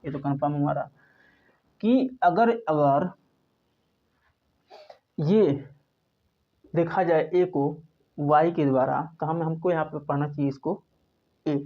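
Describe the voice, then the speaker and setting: A man's voice: fairly high pitch, takes it slowly, pauses often. A male teacher from India speaks, explaining a lesson step by step. He repeats himself patiently and keeps posing questions that he then answers. The recording sounds dull and lo-fi. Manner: patient, repeats points, asks and answers his own questions. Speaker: English teacher. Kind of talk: spoken classroom lesson.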